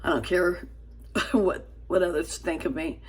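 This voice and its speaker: A woman hosting her own small channel, talking earnestly to camera in a casual, halting way, tripping over her words with fillers and restarts. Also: on the low side, a little mellow, slightly rough. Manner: earnest, pleading.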